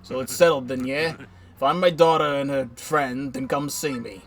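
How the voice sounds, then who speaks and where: A gruff mob boss with a soft spot for his daughter, as a man puts him on, speaking low and hushed with a quiet threat behind each line. Light game music runs in the back. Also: fairly even intonation, normal speed, lightly acted. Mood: menacing. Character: gruff older male mob boss, menacing and fatherly.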